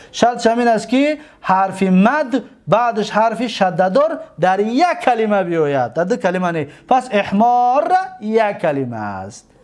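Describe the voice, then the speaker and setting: High-voiced Tajik-accented man teaching grammar. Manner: draws out example words slowly, repeats points patiently. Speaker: religious seminary teacher. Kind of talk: classroom lesson on Arabic grammar.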